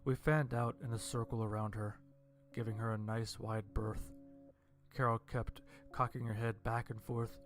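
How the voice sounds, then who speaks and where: A man narrating a first-person horror story in a dry, deadpan way. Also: on the low side.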